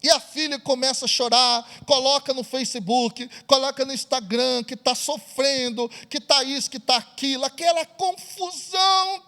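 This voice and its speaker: Man, preacher, sermon storytelling, very high bright voice, long hall reverb. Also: moderate pace, few pauses. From Brazil. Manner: storytelling, asks the audience questions.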